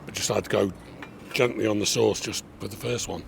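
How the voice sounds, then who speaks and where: Gravelly New barbecue host outdoors. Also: male voice, lowish voice, moderate pace. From New Zealand. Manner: relaxed, chatty, talks to viewers. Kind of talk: casual cooking demonstration. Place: backyard outdoors. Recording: outdoor noise with passing vehicles.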